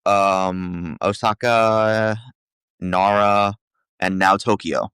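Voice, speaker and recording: Low-voiced man, rambling chat. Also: fairly even intonation, drawn-out words, a bit bright, smooth, no echo, studio quality. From United States. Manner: rambling, hedging, lots of "like" and "um". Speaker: traveler sharing impressions. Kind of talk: casual conversational chat.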